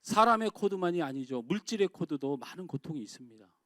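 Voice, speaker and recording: A middle-aged man preaching a sermon with a fairly high voice. He asks the congregation questions and swings between raised exclamations and quiet phrases. The sound is dry and close, with little room echo. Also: expressive, fairly quick. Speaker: pastor. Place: church sanctuary.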